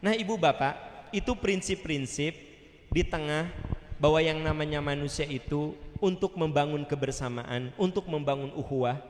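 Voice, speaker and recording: A man with a Sundanese accent preaching a sermon to a congregation, lively and emphatic, slipping into local speech and acting out quoted voices. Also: a little high, normal speed, slight background noise. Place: large hall at a community religious gathering. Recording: echoey hall with long reverb.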